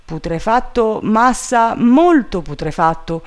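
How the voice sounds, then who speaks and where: A man voicing an eager, simple-minded male servant calling down from a tree, in a high, drawling, plaintive voice. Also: animated, slow pace.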